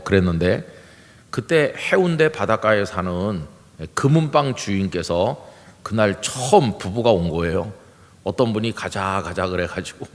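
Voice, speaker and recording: An older man preaching a sermon as pastor, telling stories and acting out the voices of people in them. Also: on the low side. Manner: storytelling, acting out quoted voices. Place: large church sanctuary. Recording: long hall reverb.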